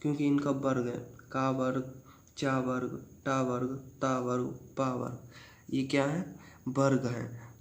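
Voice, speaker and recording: A man's voice: medium pitch, darkish tone. A man teaching grammar, saying sounds aloud to demonstrate them and asking his own questions, then answering them. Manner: asks a question and answers it himself. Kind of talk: classroom-style explanation.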